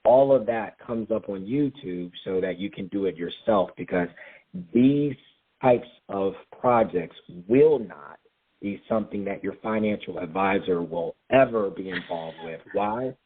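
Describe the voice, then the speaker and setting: A man with a lower voice walks listeners through a process on a call. He is emphatic and poses questions only to answer them himself. The sound is narrow and tinny, like a phone line. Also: measured pace, slightly rough. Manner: emphatic, answers his own rhetorical questions. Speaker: guest speaker explaining crypto. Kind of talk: explanatory call talk.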